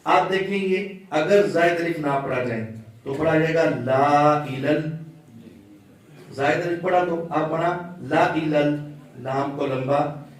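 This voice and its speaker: Man, Quran recitation teacher, patient explanation, slow chanted examples, slightly high voice, distant mic, heavy room echo. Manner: patient, explains step by step and chants words slowly to show pronunciation.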